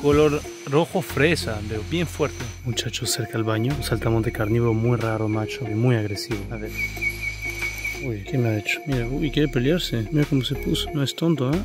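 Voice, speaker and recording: A man filming a wildlife vlog at night in the jungle, talking excitedly and swearing constantly as he finds animals. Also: mid-range voice, moderate pace, over music. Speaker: wildlife explorer vlogger. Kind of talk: handheld outdoor vlog narration. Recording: loud insect noise outdoors. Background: insects and frogs chirping.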